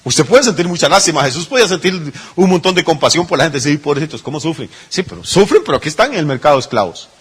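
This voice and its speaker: Husky, conversational pastor preaching. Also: male voice, on the high side, very animated, quick pace, few pauses. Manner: conversational preaching with rhetorical questions and acted-out asides. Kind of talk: sermon.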